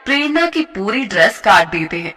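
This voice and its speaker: A woman narrating a children's moral story in a plain, steady storybook way. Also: medium pitch, moderate pace, big-room sound.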